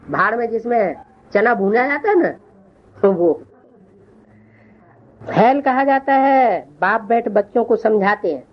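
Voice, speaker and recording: A woman teaching a religious scripture lesson, often pausing to question and tease her listeners. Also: on the high side, animated, lo-fi sound. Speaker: spiritual class teacher.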